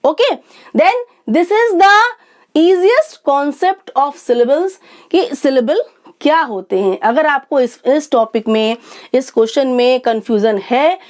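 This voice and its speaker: An Indian woman gives an online English lesson in a high, lively voice. She draws each word out syllable by syllable. She speaks at an unhurried pace. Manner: sounds out words slowly, syllable by syllable. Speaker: English teacher.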